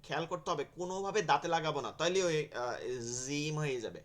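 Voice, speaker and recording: A man teaching Arabic letter sounds in an online class, slowly repeating each sound for his students. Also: a little high, animated, a bit bright. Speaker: Quran teacher. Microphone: video call.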